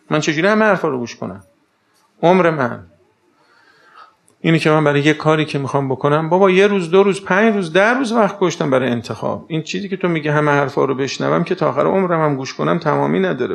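A man's voice: medium pitch, gravelly. A man giving a conversational lecture, asking rhetorical questions and telling anecdotes. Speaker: speaker giving a talk.

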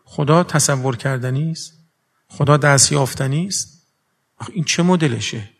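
A man preaching a religious sermon with earnest rhetorical questions, moving between formal phrasing and everyday speech. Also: mid-range voice. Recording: long reverb of a large hall.

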